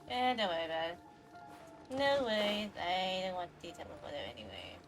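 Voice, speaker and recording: Over game music, a woman livestreamer chats casually while she plays, dropping playful murmured asides. Her fairly low voice has a sing-song lilt and moves a little fast.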